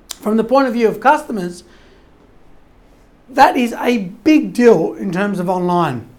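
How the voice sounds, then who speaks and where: Chatty SEO consultant explaining off the cuff, lots of restarts and "right?", voice going after long talking. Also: mid-range voice. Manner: rambling, frequent restarts and tag questions. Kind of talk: informal explanatory talk.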